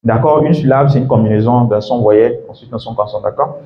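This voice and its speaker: A man teaching English to a class of students, lively and full of questions to the room, laughing often. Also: medium pitch, a little fast, muffled recording. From Ivory Coast. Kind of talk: classroom masterclass. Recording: echoey room with faint background noise.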